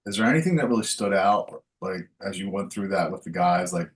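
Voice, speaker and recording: A man's voice: low-pitched, fairly quick, recorded from a distance, rough recording. A man hosting a podcast, asking laid-back, rambling questions full of fillers. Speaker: podcast host and dating coach. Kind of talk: casual interview chat.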